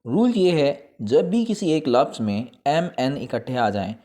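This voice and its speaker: A man's voice: medium pitch, big pitch swings, measured pace, warm tone, a little hiss or hum. A man from Pakistan, an English teacher, explaining pronunciation rules step by step in a video lesson and speaking straight to his viewers.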